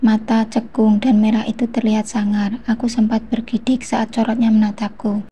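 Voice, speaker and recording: A woman reads a romance novel aloud in the first person, softly and evenly. Her voice is dark and breathy, and it sits somewhat high. The pitch hardly moves. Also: little pitch movement, normal speed. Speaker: novel narrator. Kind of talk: first-person story narration.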